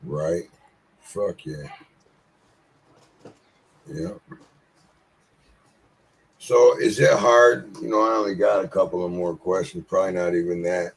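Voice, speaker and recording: A man in his late forties hosts a casual podcast interview, laid-back and encouraging, swearing often. His deep, creaky voice moves slowly with frequent pauses and a breathy edge, captured on a rough recording.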